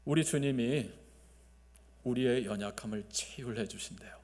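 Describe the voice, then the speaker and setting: A male pastor preaching a Sunday sermon, swinging between loud emphasis and soft, quiet phrases, and leading the congregation to repeat after him. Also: medium pitch, moderate pace. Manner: leads the congregation in call-and-response. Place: large church sanctuary. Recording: long reverb of a church sanctuary.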